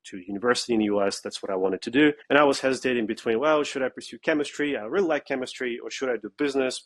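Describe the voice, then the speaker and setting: A man from Russia, a startup founder speaking bluntly and emphatically as an interview guest. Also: lowish voice. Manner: blunt and emphatic, with frequent "okay?" asides. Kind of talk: casual interview talk.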